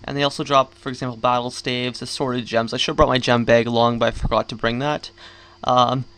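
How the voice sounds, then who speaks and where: A man's voice: mid-range voice, little pitch movement, a little fast, fairly bright tone, clear, resonant tone. A man giving casual, rambling, grumbling game commentary while talking with a sore jaw and swollen cheeks. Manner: rambling, griping. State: sore jaw, swollen cheeks after wisdom tooth surgery. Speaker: gaming vlogger.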